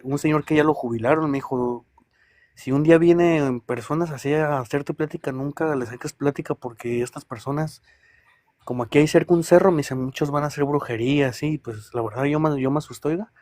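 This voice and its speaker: A man's voice: mid-range voice, darkish tone, no room sound. A man, calling in to tell a personal experience, rambling and hesitant as he talks straight to the listener. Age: 30s. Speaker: caller.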